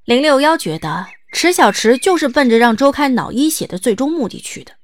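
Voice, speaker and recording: A woman's voice: sits high, sing-song, brisk. Woman narrating a story, lightly wry. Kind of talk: scripted audiobook narration.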